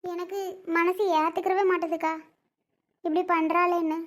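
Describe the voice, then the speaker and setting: Woman doing a squeaky high hurt sister-in-law, pleading, asks the same thing again and again, drama skit. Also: level tone, moderate pace. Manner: pleading, repetitive complaining questions. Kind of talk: family drama skit acting.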